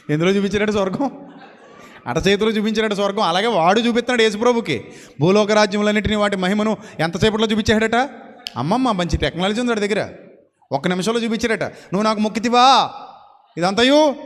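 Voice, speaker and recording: A man preaching a sermon, swinging between loud proclaiming and low, mocking asides. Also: big-room sound. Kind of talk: Telugu sermon.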